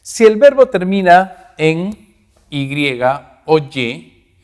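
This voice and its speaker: A man's voice: high-pitched, very animated. Man teaching grammar in an echoing room. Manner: explains slowly, checking with "ok?" after each point. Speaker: English teacher. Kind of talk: recorded grammar lesson.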